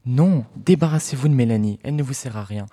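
Man putting on a cold robot voice assistant, condescending and dark-toned, for a spoof school-radio ad. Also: mid-range voice, lively intonation, fast talker, husky. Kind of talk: mock radio advert.

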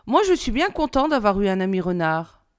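A woman reading aloud, voicing a gentle, earnest young boy prince from another planet. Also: medium pitch, big pitch swings, a little fast, smooth, dry recording, clean studio sound, natural voice. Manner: earnest, wondering.

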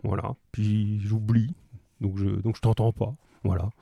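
A man's voice: fairly low pitch, flat delivery, unhurried, vocal fry, mellow, dry recording. A man teaching a class over the radio, chatty and joking, full of fillers and restarts as he takes calls from pupils. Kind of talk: remote class on radio, casual and encouraging.

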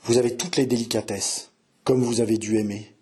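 A man voicing a gentle young woman who soothes and pleads softly. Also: mid-range voice, steady tone, a little fast, breathy edge. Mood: earnest. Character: Marie Touchet, young woman, tender, soothing mistress.

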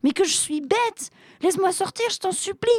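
A woman voicing a huge, boastful, quick-tempered male genie in a storybook reading, blustering and then whiny. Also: on the low side, expressive, mellow, no room sound, studio quality. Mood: pleading. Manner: blustering, turns whiny when tricked.

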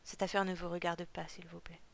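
A clumsy thug tries to be polite and sounds uneasy, voiced by a woman reading aloud. The voice is low and flat. It has a gravelly edge. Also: brisk.

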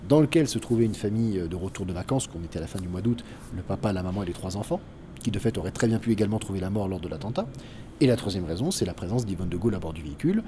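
A man's voice: lowish voice, noisy background. A man giving an informal, explanatory account of history as a narrator.

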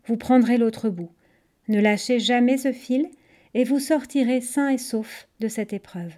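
A woman's voice: on the high side, warm tone, natural voice. A woman voicing an earnest young princess in a storybook reading, speaking in an imploring, heartfelt way.

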